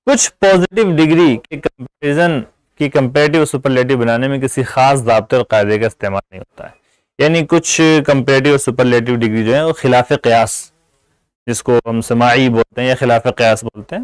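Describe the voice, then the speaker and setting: A man giving an English grammar lesson, explaining patiently in Urdu-flavoured Hindi and repeating example words slowly. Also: mid-range voice, clear, resonant tone, no room sound, rough recording. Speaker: English teacher.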